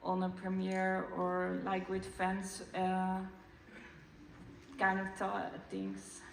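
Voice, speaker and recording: A woman's voice: mid-range voice, completely flat delivery, takes it slowly, gravelly, heavy background noise. A woman from the Netherlands asking a panel question, nervous and hesitant. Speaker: audience member asking a question. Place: large convention hall. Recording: echoey hall, distant mic.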